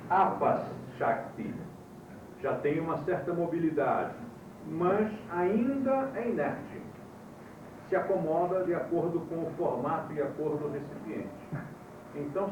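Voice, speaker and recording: A man with a Brazilian Portuguese accent teaching a class, slowly spelling out terms, heard from an old VHS tape recording. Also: fairly high pitch, muffled recording. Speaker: yoga teacher. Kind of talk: classroom lecture. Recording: hissy old VHS tape, echoey room, far mic.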